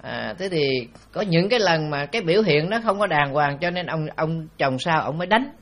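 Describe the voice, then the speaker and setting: Monk telling stories. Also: male voice, on the high side, lively intonation, normal speed, fairly bright tone. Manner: rambling, conversational, many fillers. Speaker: Buddhist monk. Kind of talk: storytelling dharma talk.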